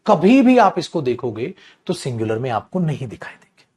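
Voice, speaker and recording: A man's voice: on the high side, very animated, moderate pace, a little mellow, slightly rough. A man teaching English grammar in an online class, calling students "beta" and repeating key terms, acting out little scenes with students and their mothers. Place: streaming class, checking live comments.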